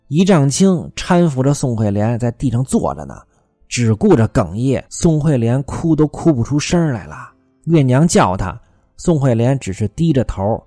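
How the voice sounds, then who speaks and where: A man narrating a classic tale in traditional storytelling style, lively and with wry asides. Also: medium pitch, no room sound.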